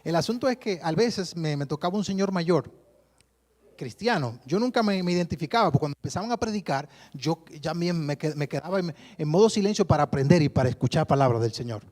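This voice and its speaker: Man, Dominican accent, preacher, church sermon, lively storyteller, fairly high voice. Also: a little fast. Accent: Dominican Spanish. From Dominican Republic. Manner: lively storytelling, keeps addressing listeners as brother. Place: church service before a congregation.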